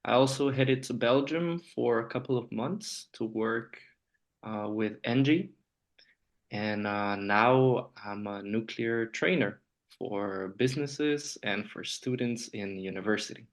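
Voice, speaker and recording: As a guest on a podcast, a nuclear trainer from Honduras responds in a relaxed, conversational way. His mid-range voice moves slowly, and Spanish is his native language.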